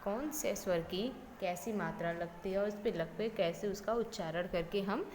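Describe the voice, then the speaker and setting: A woman's voice: medium pitch, moderate pace, a little mellow. A woman teaching young children a Hindi lesson, repeating each phrase and spelling words out letter by letter, dropping in English words like "okay". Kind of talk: slow primary-school Hindi lesson. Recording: reverberant room with faint background noise.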